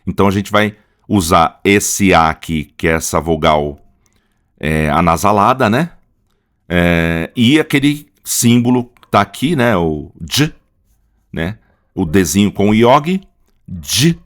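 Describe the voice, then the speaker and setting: Brazilian man, Brazilian accent, very low voice, patient teacher, explaining pronunciation step by step. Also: expressive, takes it slowly. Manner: patient, often tags phrases with a questioning "right?". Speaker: language teacher.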